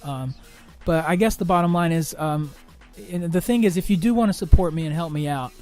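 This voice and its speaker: Halting young man venting on a podcast. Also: on the high side, darkish tone, soft background music. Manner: halting, many restarts and fillers, swears freely. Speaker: podcast host. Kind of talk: personal monologue.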